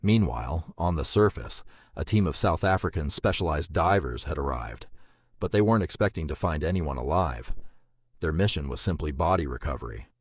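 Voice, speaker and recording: Deep-voiced man narrating with suspense. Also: animated, dry recording, studio quality. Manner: measured, suspenseful delivery. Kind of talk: scripted dramatic narration.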